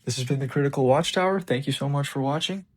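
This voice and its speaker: A man hosting his own channel, giving an excited, gushing breakdown of a new show's first episode with frequent ums and restarts. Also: medium pitch, fast talker, low-quality recording. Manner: enthusiastic, gushing fan. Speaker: show reviewer and channel host.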